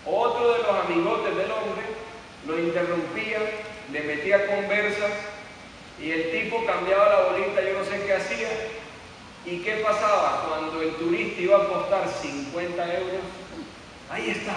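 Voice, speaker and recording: A man's voice: high-pitched, normal speed, a bit bright, a little hiss or hum. A middle-aged man giving a motivational seminar talk, telling stories and firing rhetorical questions at the audience. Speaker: seminar speaker. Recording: echoey hall from far off.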